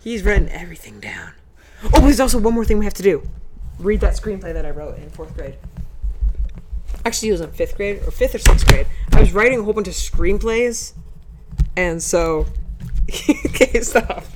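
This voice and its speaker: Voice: medium pitch, lively intonation, moderate pace, pauses often, background noise. A giggly co-host chatting casually with a friend and laughing often. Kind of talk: casual chat.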